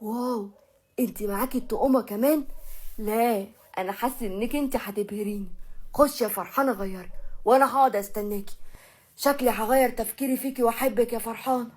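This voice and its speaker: A woman's voice: on the high side, quick pace, darkish tone, natural voice. Woman playing an exasperated young Egyptian husband. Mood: mocking. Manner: fed-up, complaining.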